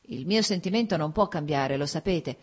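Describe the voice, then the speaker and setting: A woman's voice: sits low, lively intonation, moderate pace, breathy edge. A woman reading a tense, guarded nobleman. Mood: pleading. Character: tense young nobleman officer, restrained and cold.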